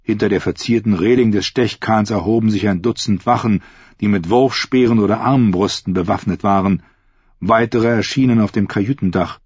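Audiobook reader, low husky man, dry dull recording. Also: moderate pace, darkish tone, no echo. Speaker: audiobook narrator. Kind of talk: scripted narration.

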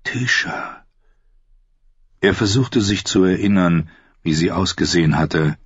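A man narrating an audiobook in a measured, even storytelling manner. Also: low-pitched, slightly rough, dry recording. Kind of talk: scripted narration. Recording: dull lo-fi dry recording.

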